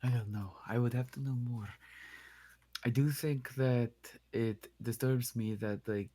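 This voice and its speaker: A man playing a tabletop game, speaking in character in a measured, musing way with dry wit. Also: medium pitch, fairly even intonation, mellow. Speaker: player.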